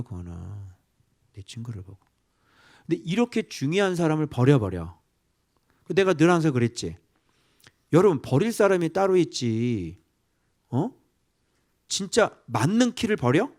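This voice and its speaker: A male pastor delivers a sermon in a lively, conversational way, firing questions at his listeners and slipping into hushed asides. His voice sits at a middle pitch but moves a great deal. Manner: animated, asking the congregation questions, dropping to whispered asides.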